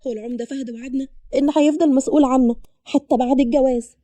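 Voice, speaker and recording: A woman's voice: high-pitched, fairly even intonation, very fast, mellow, no echo. A woman voicing an earnest, grieving young widowed bride in an Upper Egyptian accent. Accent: Upper Egyptian Arabic.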